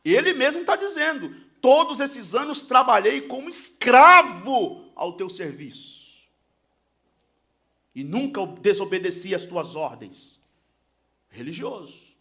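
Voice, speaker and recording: A male pastor preaching a sermon, swinging from soft talk to shouting and acting out quoted lines. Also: sits high. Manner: acts out the sons and father in quoted voices.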